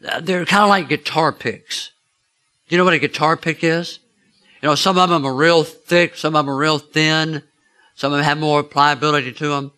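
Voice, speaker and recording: Male preacher, slightly high and very bright voice, chatty storytelling sermon, quizzes the congregation. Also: fairly even intonation, normal speed. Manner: chatty, asks the listeners questions.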